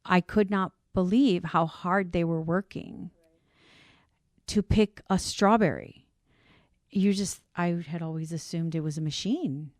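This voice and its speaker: An unhurried, lowish voice with no echo and studio quality belongs to a podcast guest who heads an insurance brokerage. She has a Cuban Spanish accent from her Cuban family and grew up on the US East Coast, and she tells her story conversationally, earnest and emotional, getting lively when amused.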